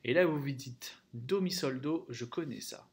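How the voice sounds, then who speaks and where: A man's voice: mid-range voice, moderate pace. A man teaching a music theory lesson, counting rhythms aloud, singing note names and checking in often with the class.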